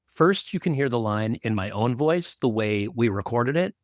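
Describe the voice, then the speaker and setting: A man co-hosts a podcast, discussing production in a conversational, explanatory way. His voice is medium-pitched with lively intonation at normal speed, recorded cleanly in a studio with no room sound.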